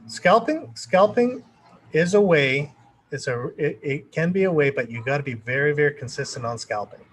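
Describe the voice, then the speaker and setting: A man's voice: mid-range voice, fairly quick, a little hiss or hum, poor audio. Rambling man teaching trading live. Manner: loose, rambling, thinks aloud with fillers. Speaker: trading educator presenting a webinar. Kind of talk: live webinar teaching with viewer Q&A.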